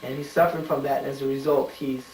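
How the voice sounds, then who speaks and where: A man giving casual spoken answers to study questions, halting and full of "you know" and "um", thinking aloud as he searches a book. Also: mid-range voice, level tone, a little mellow, slight background noise. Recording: roomy home recording from a distant mic.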